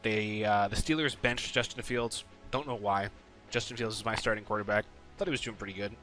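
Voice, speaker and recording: Guy rambling thru his football picks, lots of ums, bright sharp voice, bit of music behind. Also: fairly low pitch, fairly even intonation, a little fast. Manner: rambling, frequent ums, casual swearing. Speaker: sports picks video host. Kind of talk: casual solo commentary.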